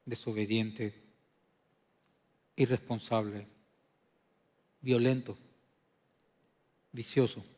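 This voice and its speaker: A man preaching a sermon as pastor, dropping to a hushed, low delivery and then rising to loud, emphatic declarations. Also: fairly even intonation, drawn-out words, long pauses. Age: adult. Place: church sanctuary. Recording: long reverb of a church hall.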